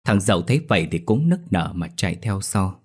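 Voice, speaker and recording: A man narrating a scripted horror story in a lively storytelling manner. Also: sits low, fairly quick, husky.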